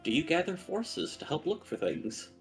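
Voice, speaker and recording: A man running a tabletop game as game master, questioning the players in a relaxed way. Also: a little high, normal speed, faint music behind. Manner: lively, asks players questions.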